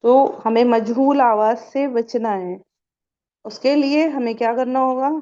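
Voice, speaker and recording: A woman with a fairly high voice leads a recitation class for women. She keeps firing questions at her learners and answers them herself. The recording sounds dull and lo-fi. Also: steady tone, mellow. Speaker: Quran recitation teacher. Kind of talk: online tajweed class for women.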